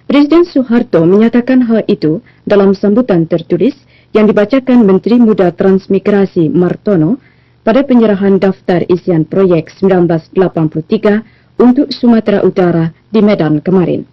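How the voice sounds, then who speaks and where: A woman newsreader delivering a formal television news bulletin in a measured, even manner, heard as old 1980s broadcast sound. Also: medium pitch, dry recording. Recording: dull, lo-fi, dry archive broadcast audio.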